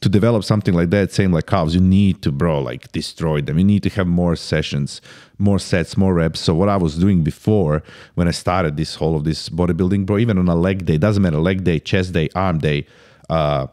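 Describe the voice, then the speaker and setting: A man's voice: sits low, mellow. A man in his thirties chatting casually as a podcast guest, dropping "bro" into nearly every thought and often restarting sentences as he thinks. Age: 30s. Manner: casual, sprinkles "bro" constantly; halting restarts while thinking.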